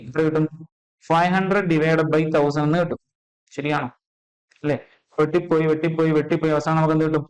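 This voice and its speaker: Male tutor, slightly higher voice, keeps asking if students follow. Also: darkish tone, rough recording. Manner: checks in constantly with quick questions, repeats key terms. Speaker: physics teacher. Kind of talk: exam-prep lecture.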